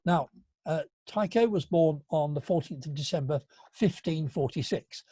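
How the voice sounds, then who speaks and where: Husky-voiced man in his seventies. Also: a little high, no room sound. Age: 70s. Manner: halting, with frequent fillers and restarts; dry, gentle humour. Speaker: guest speaker at an astronomy club. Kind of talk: illustrated lecture to a club.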